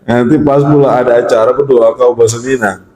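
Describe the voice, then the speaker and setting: A man giving a humorous Ramadan lecture, joking and acting out prayers in a high voice. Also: fairly even intonation, a little fast, darkish tone, slight background noise. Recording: echoey hall with long reverb.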